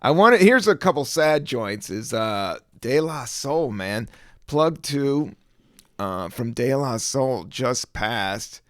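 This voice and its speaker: A Southern American man hosts his own casual solo podcast, rambling in a laid-back way with many fillers, laughing and singing snippets. His mid-range voice is animated, slow, and fairly bright. The recording is dry with clean studio sound.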